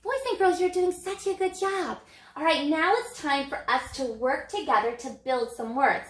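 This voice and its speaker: A woman teaching a phonics lesson to young children, stretching out sounds slowly and acting out the motions for each vowel. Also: high voice, echoey room. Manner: slow, exaggerated sound modeling with gestures. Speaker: elementary reading teacher.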